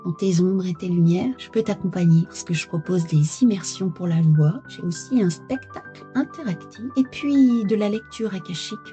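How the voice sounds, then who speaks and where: A woman hosting a personal-development podcast, gently inviting listeners to share and subscribe, in a slightly dull recording. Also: fairly low pitch, moderate pace, few pauses, faint music behind. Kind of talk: direct-to-listener outro.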